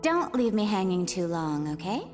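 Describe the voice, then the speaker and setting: A young American woman voicing a bossy, impatient, sharp-tongued student in a video game. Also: medium pitch, big pitch swings, normal speed, close to an everyday voice. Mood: curt, casual. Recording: long hall reverb. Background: music.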